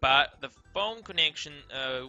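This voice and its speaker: During a game livestream viewed on webcam in an indoor room, a young man from Greece reads viewer comments in loose, casual, Greek-accented chat, full of fillers and the word "crazy." His slightly high voice is bright and forceful with lively intonation and a somewhat slow pace. The highs are cut off, and faint music sits behind.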